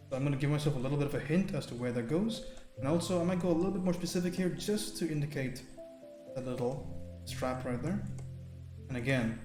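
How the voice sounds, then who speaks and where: A man leads a live painting stream, talking his way through each choice in a relaxed, easygoing way. His voice carries some room echo. Soft music plays faintly underneath. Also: mid-range voice. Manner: relaxed, thinking aloud, frequent "right?". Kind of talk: live painting tutorial with chat. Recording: roomy sound with faint music.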